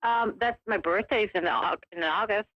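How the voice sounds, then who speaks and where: A woman's voice: mid-range voice, moderate pace, dry recording. A woman calling in on a clipped phone line that keeps cutting out, talking in a hesitant, apologetic way. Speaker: caller. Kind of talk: call-in chat over the phone. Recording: dull, dry, breaking-up phone line.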